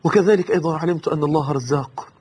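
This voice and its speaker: A man with an Egyptian Arabic accent delivers a sermon in a high, husky voice. He talks quickly and with feeling, swears oaths and climbs into pleading cries. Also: darkish tone. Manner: emotional, swears oaths, rises to high impassioned pleas. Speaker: preacher.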